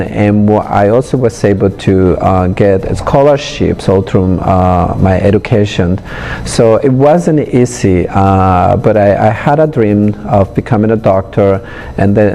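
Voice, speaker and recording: A middle-aged man from Honduras, answering interview questions in a hesitant way with many pauses. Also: lowish voice, creaky, dark tone, slight background noise. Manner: hesitant, frequent pauses and fillers. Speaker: interviewee, public health professional.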